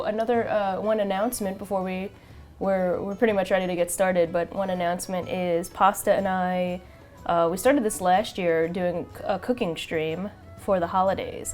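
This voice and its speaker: A woman's voice: mid-range voice, darkish tone. A woman with a New York accent co-hosting a casual podcast chat, rambling and laughing often. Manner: giggly, rambling, lots of fillers and restarts. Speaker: podcast co-host.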